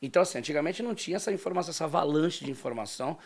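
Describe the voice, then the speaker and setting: A man explaining things at length in relaxed chat, his voice rough and gravelly. He speaks a little high for a man. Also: rapid-fire. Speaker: guest, football fan. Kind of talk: casual podcast chat.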